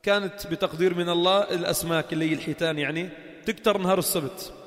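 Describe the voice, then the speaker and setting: Fervent Levantine Arabic preacher in a hall. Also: male voice, high-pitched, steady tone, racing. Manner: swings between loud exhortation and quiet storytelling. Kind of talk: sermon.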